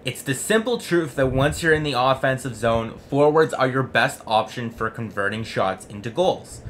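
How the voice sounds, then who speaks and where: A young man gives conversational sports commentary, arguing with himself as he explains his point. His voice is mid-pitched and earnest. There is some noise in the room around him. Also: expressive, normal speed, a bit bright. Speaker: sports vlog host. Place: small home room with jerseys on the wall.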